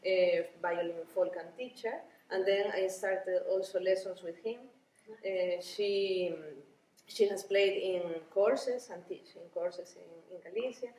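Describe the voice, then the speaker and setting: A woman from Rica, a Spanish speaker, answering interview questions in a halting way with many restarts and small laughs. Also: fairly low pitch, a little mellow, slight background noise. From Costa Rica. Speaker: violinist and ethnomusicology researcher. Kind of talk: conference interview. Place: busy conference venue. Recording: roomy, distant, with busy crowd murmur.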